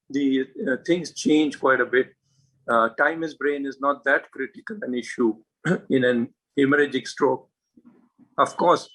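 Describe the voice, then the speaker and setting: Bright-voiced man lecturing on medicine. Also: a little high, rough recording. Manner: earnest, hesitant with frequent uh and you know fillers; presses points with emphasis and rhetorical questions. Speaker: neurologist giving a talk.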